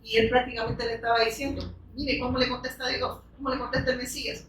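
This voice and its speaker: A woman's voice: a little high, level tone, fast, noisy background. A woman preaching a sermon with fervor, asking the congregation rhetorical questions and calling out amens. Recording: echoey room, distant from the mic.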